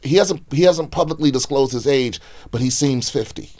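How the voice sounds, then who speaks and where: Guy in his 30s hosting a comedy podcast, loose and animated, stumbles into sentences. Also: mid-range voice, moderate pace. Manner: animated, repeats himself when starting sentences. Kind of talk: casual chat.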